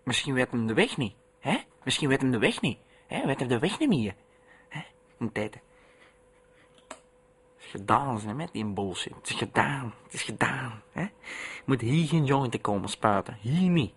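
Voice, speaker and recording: A man with a Flemish accent hosting a radio show, rambling and repeating himself in gruff dialect. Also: mid-range voice, lively intonation, moderate pace, fairly bright tone. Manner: repetitive, tacks "hè" onto lines, gruff dialect. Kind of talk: rambling comic radio monologue.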